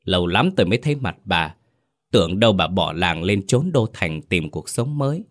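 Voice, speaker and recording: A man's voice: low voice, sing-song, normal speed. A man voicing a cruel old village chief. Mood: angry scolding. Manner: shouting, scolding, bullying.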